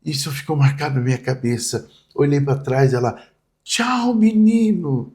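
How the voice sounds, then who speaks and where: A man's voice: medium pitch, level tone, brisk, gravelly, a little mellow. A man, a pastor vividly telling stories in a podcast interview. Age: 60s. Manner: vivid storyteller, acts out quoted voices.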